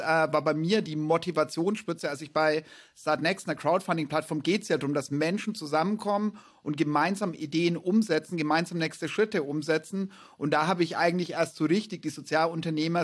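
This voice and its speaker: Husky-voiced man hosting a podcast. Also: on the high side. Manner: reflective, enthusiastic, long winding sentences. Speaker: podcast host. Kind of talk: podcast conversation.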